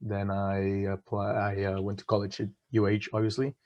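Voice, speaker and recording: A man's voice: on the low side, monotone, moderate pace. Eager young man from Mexico. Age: 20s. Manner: eager, self-described hyperactive, casual talk. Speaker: guest consultant. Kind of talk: webinar panel answer. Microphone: video call. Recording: dull lo-fi video call audio.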